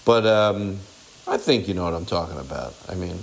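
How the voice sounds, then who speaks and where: A man's voice: deep voice, lively intonation, moderate pace, creaky, poor audio. A man hosting a podcast in casual, rambling solo chat, with silly over-the-top showmanship and repeated phrases. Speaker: podcast host.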